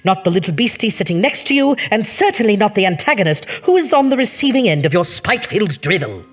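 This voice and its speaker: A man playing a campy horror-show host in a comedy sketch, speaking in a theatrical, melodramatic way with a breathy voice. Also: high voice, sing-song, fast, a bit bright, heavily acted. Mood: hammy.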